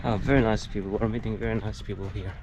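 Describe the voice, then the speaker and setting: Man narrating over loud outdoor noise. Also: on the low side, steady tone, fast, dull audio. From Egypt. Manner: explains step by step, friendly and chatty. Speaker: travel vlogger. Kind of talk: casual walking tour narration. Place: outdoors on an old fort tower.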